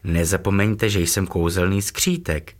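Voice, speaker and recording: Cheerful little magic elf from a storybook, friendly and reassuring, low-pitched, read by a man. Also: steady tone, natural voice. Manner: kindly, reassuring.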